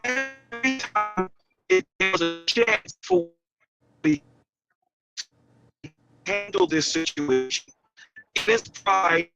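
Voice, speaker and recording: A man's voice: sits high, slow pace, gravelly, pauses often, music in the background. A man talking in a casual, earnest way over a remote call whose connection keeps breaking up. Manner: earnest, preachy advice-giving. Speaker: livestream co-host. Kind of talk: casual chat. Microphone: remote call audio. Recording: muffled lo-fi call with faint noise.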